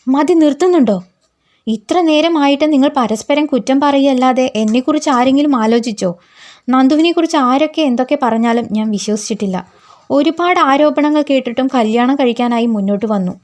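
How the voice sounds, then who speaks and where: A woman reading out the lines of an angry young groom in a serial recap, in a lower, bitter tone. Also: fairly quick, darkish tone, natural voice. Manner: bitter, accusing.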